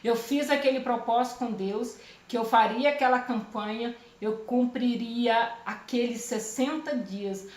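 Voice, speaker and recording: Woman, high-pitched, earnest religious testimony, repeats phrases, echoey home room. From Brazil. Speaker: testifying believer. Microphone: phone camera.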